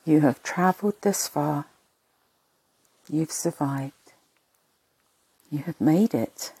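A woman narrating a sleep meditation in a soft, breathy, husky voice, soothing and hushed, in short spaced phrases. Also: sits low, expressive, moderate pace, dry recording, low-quality recording.

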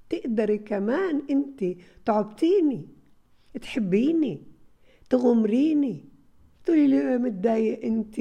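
A little boy explains to his mother why he hits himself and begs her to help him say what he feels. A woman speaks as him in a somewhat high, warm voice that moves freely up and down. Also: vocal fry, heavily acted. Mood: pleading. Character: one-year-old boy asking his mother for help.

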